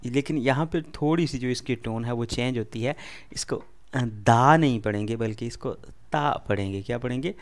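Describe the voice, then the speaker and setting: A man with an Urdu accent teaches a first beginner lesson at an ordinary middle pitch. He explains slowly and patiently, repeating each word and putting questions back to the listener before answering them himself. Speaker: language teacher.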